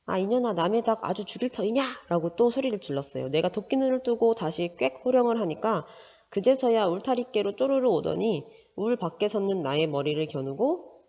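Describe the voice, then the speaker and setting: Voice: medium pitch, darkish tone. A teacher reads a short story aloud and stops often to explain it, asking the listener little questions along the way. The sound is dull and lo-fi, and a long reverb trails after each phrase. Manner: explains with frequent rhetorical check-in questions. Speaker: Korean language teacher.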